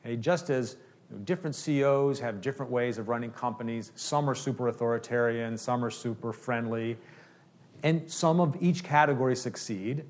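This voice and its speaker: A man's voice: mid-range voice, brisk. A man fielding audience questions at a talk. He explains his points step by step and keeps checking in with the room. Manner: explanatory, uses "okay?" often. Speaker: speaker answering questions. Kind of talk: lecture Q&A.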